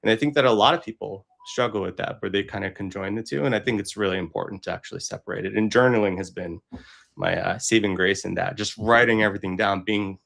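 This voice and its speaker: Low, gravelly man in casual conversation. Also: fairly even intonation, fast, fairly bright tone. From Brooklyn, New York. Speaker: podcast guest.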